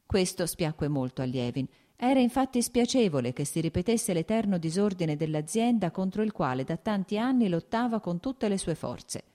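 A woman narrating a classic novel in a measured, even storytelling manner. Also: on the low side. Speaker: audiobook narrator. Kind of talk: scripted literary narration.

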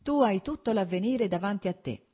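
A woman's voice: mid-range voice, lively intonation, brisk, dark tone, breathy edge, pitched above the performer's own voice. Jovial worldly nobleman, read by a woman. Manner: jovial, teasing, knowing. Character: genial, worldly nobleman bon vivant.

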